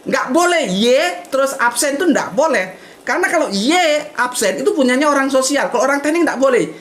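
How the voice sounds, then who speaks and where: A man's voice: extremely high pitch, animated, brisk, a bit bright. A man giving a blunt, outspoken casual talk to an audience, often tagging sentences with "gitu loh". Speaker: invited speaker at a religious discussion.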